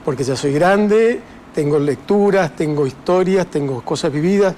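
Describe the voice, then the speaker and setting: Slight background noise accompanies an older man with an Argentine Spanish accent, an author guest speaking reflectively in an interview with many fillers and restarts. His voice is fairly high and darkish in tone, at normal speed.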